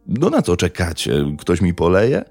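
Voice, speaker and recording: Male narrator as drunk young bully, swaggering, crude, deep and rough. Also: huge pitch swings, a little slow, darkish tone, dry recording, faint music behind, exaggerated voice. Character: drunk menacing young male local thug.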